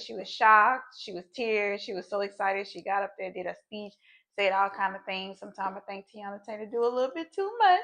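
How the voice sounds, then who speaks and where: A woman's voice: fairly high pitch, fairly bright tone. A woman hosting her own talk show, chatting casually to her viewers with slang and sudden emphatic bursts. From United States. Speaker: show host. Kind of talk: casual chat to camera.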